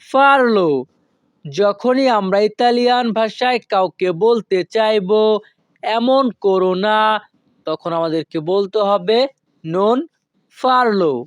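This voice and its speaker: A woman giving a scripted language lesson, speaking slowly and carefully and repeating each phrase several times. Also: medium pitch, no room sound, clean studio sound. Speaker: language teacher.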